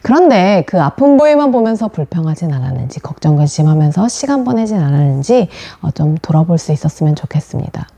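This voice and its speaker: A woman giving a devotional as a pastor's wife, with a mellow, darker tone. Her pitch moves a lot as she retells stories in a gentle, earnest way. She sounds expressive and sincere throughout. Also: fast talker, few pauses.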